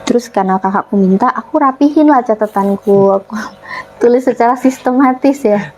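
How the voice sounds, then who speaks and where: Woman telling her story in a mellow voice. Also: on the high side, normal speed, slight background noise, rough recording. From Papua, Indonesia. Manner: relaxed, acts out family dialogue in quotes. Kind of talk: casual interview storytelling.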